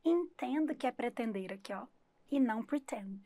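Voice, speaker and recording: A woman teaches an English exam-prep class. Her voice sits a little high and carries a gravelly fry. She explains by asking rhetorical questions and retelling examples, and the recording sounds dry and close. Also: expressive, normal speed, warm tone, no room sound.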